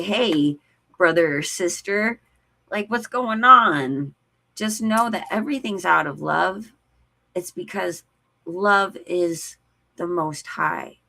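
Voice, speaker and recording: Co-hosting a live stream show, a woman chats casually with a Valley-girl lilt, laughing often and saying "like" constantly. Her medium-pitched voice is slow, with vocal fry and a sharp tone.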